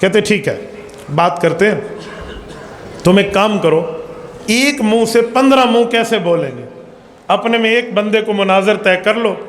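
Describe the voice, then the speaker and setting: A Pakistani man preaches with insistent, rhythmic emphasis, stacking repeated phrases. His voice sits unusually high. It rings out through a large, echoey hall with a long tail of reverb. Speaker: mufti preaching. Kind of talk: sermon. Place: large echoing hall at a seminary gathering.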